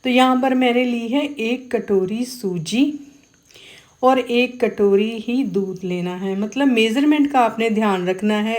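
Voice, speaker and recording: Woman cooking host with a sore throat, warm, low-key tone, chatty and step-by-step, corrects herself and says "uh" a lot. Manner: chatty, with many fillers and self-corrections. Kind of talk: casual cooking tutorial narration.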